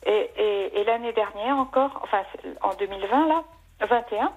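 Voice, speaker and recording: A woman's voice: medium pitch, normal speed. A woman calling in to a live radio show, telling a long personal story with many restarts. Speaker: caller. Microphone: telephone. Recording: dull phone line.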